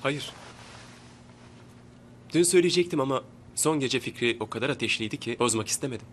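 Brief: actor as a cool, ambitious surgeon with a mid-pitched voice and a self-assured manner. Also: male voice, expressive, brisk, a little hiss or hum, lightly acted. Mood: smug. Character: smug, ambitious male surgeon. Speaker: plastic surgeon.

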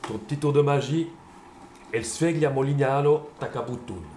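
A man's voice: medium pitch, moderate pace, darkish tone, roomy sound, slight background noise. A man hosting a casual radio promo chat, joking and hesitating with fillers. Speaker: radio host.

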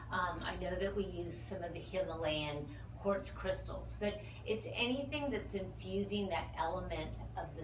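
A middle-aged woman giving an earnest, reflective, unscripted explanation as a healing teacher, pausing mid-phrase. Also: fairly low pitch. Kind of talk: unscripted explanatory talk to camera. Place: small indoor room, seated. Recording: roomy, distant mic, clear background noise.

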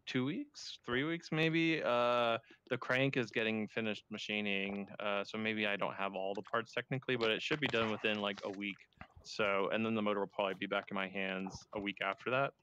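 A man's voice: fairly low pitch, steady tone, moderate pace, pushed and bright, muffled recording, a little hiss or hum. A young man chatting casually with fellow sim racers over voice chat, rambling with lots of fillers. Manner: rambling, filler-heavy, laid-back. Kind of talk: casual chat among friends on voice chat.

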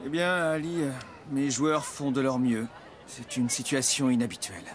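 A man's voice: mid-range voice, normal speed, some chatter behind, natural voice. A man playing an earnest, unsure cartoon basketball coach who speaks hesitantly and plainly.

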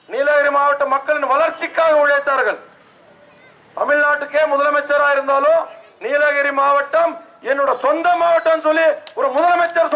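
A man speaks earnestly at a political gathering. His voice is very high, bright and forceful. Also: rough recording. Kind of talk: political speech.

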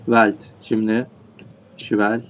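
A man's voice: fairly low pitch, flat delivery, slow, highs cut off, a little hiss or hum. A man commentating an online football game, rattling off player names and rising sharply when goals go in. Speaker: play-by-play commentator. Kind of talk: esports match commentary.

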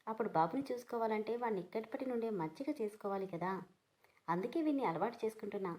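A woman's voice: a little high, lively intonation, quick pace, a little mellow, lightly acted. Woman reading a coy, scheming younger sister. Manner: coy, needling.

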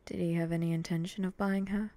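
A woman playing a brooding, vengeful samurai in an ASMR role-play, speaking in a breathy, terse, deadpan way. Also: on the low side, quick pace, natural voice. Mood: probing, cool. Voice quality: breathy, often dropping in a soft voice.

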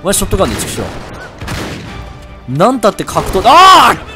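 A man commentating his own gameplay, excitable, yelping and swearing at enemies. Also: sits high, brisk. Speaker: let's-play gamer. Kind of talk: live game commentary. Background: game audio and music.

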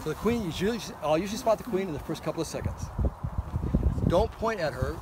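A man's voice: sits high, expressive, fast, heavy background noise. A man teaching a hands-on beekeeping demonstration at an outdoor apiary, giving practical instructions and often checking in with "okay?".

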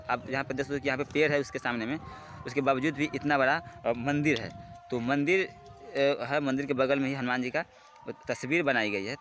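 A man's voice: medium pitch, background noise. Chatty young man vlogging outdoors. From Bihar, India. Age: young adult. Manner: chatty, repeats filler phrases, hesitant "uh"s. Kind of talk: casual vlog tour narration. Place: outdoors at a village temple ground. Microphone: phone held at arm's length.

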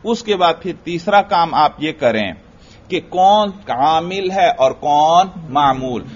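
A man's voice: on the high side, animated, slow pace. A male religious teacher giving a classroom lecture on grammar, drilling students by asking questions and answering them himself. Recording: muffled lo-fi recording with faint hiss.

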